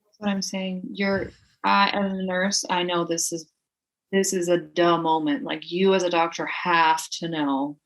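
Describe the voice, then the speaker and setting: A woman's voice: lowish voice, little pitch movement, unhurried, fairly bright tone, low-quality recording. A woman chatting casually as a podcast guest, plain-spoken and agreeable.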